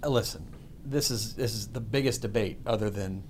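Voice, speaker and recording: A man from Texas hosting a casual chat, telling stories with lively voice mimicry. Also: on the low side, normal speed, a little hiss or hum. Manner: animated storyteller, mimics voices.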